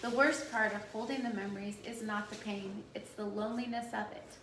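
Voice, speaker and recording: A woman voicing a wise, weary old man who keeps old memories, speaking calmly and firmly. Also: medium pitch, background noise, lightly acted. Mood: grave. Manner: calm, firm and measured. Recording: echoey room, voice from a distance.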